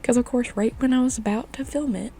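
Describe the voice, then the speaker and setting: A young woman vlogger with a hoarse, raspy voice from a chest illness, chatting casually and rambling through a voice-over. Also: a little high, steady tone, fast talker, mellow, a little hiss or hum. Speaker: craft vlogger. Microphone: voice-over mic.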